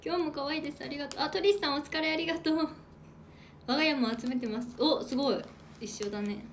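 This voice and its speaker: High-voiced chatty young idol woman. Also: fast, a little hiss or hum. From Hokkaido, Japan. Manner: reads out and thanks viewer comments; chatty, playful, eats while talking. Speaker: idol livestreamer. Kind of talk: casual solo livestream chat.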